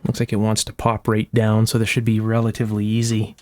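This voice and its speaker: In an indoor electronics workshop, the host of a restoration channel walks through a hands-on demo, reasoning out loud casually and methodically, one step at a time. His voice is lowish and monotone, and he speaks fairly quickly.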